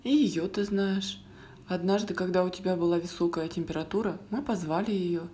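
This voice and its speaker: A woman reading the lines of a quiet, grieving older grandmother in a storybook, with calm, gentle replies. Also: fairly low pitch, moderate pace, natural voice.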